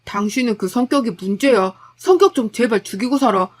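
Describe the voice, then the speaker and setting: Brief: irritated husband, blunt and reproachful, a woman voices him in her own high register. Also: a little fast, natural voice. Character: exasperated husband arguing with family.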